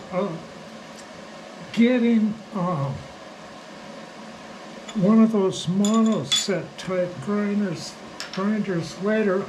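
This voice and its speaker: Thin, hoarse, high-voiced man, slow and halting. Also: background noise. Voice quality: weak, thin, hoarse voice from surgical damage. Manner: halting, plain-spoken explaining. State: hoarse from smoke. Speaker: millwright demonstrating shop tools. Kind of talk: casual hands-on workshop demonstration.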